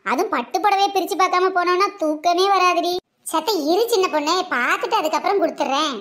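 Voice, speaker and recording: A woman's voice: extremely high pitch, quick pace, fairly bright tone. A woman with a sore throat, voicing several village women in teasing comic banter. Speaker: comedy skit performer.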